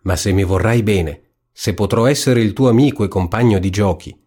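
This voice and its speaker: A man's voice: on the low side, normal speed, dark tone, breathy edge. A man doing a pleading, insistent frog. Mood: bargaining. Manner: coaxing, insistent calls. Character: pleading male frog, persistent and needy. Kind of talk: storybook reading.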